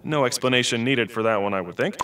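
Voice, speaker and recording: A man with a mid-range voice, talking fast in a fairly bright tone, plays a scripted educational character: an eccentric, outdated male computer who guides kids through choosing instruments. He chats, jokes and laughs at his own puns in a cheerful, lightly acted way. His voice sounds distant over background music, with slight background noise.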